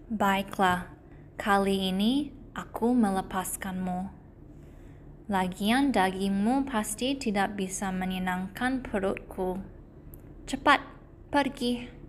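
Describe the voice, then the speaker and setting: A woman voicing a hungry, boastful big male lion in a storybook, speaking loudly and bossily. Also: mid-range voice, takes it slowly, long pauses, slight background noise, lightly acted. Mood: gruff. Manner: loud, gloating, bossy.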